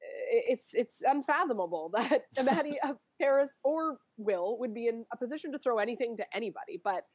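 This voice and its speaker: A woman chatting casually as a guest, animated and quick, laughing often and circling back to her points. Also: fairly high pitch, husky, no room sound. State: allergies, sniffly. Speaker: guest, former reality show contestant. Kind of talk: casual chat.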